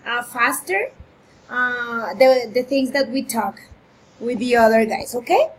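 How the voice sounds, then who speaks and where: A Colombian woman in her thirties teaches English in an encouraging online lesson over a video call, moving between Spanish and English. Her voice is fairly high and expressive at a measured pace, though the audio is poor with a faint hiss or hum.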